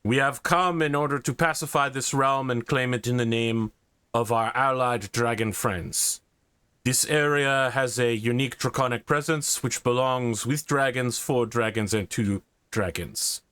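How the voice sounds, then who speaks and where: Man voicing a slow, imperious hobgoblin envoy. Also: mid-range voice, a bit bright, clear, resonant tone, no echo, natural voice. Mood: imperious, proclaiming. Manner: slow, formal, ceremonious proclamation. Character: formal, imperious hobgoblin envoy presenting a war declaration.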